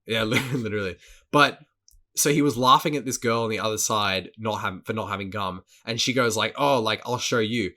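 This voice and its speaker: A man's voice: fairly low pitch, steady tone, fairly quick, sharp tone. Swearing, laughing male podcast co-host. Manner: swears a lot, laughs often, repeats words. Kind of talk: casual chat.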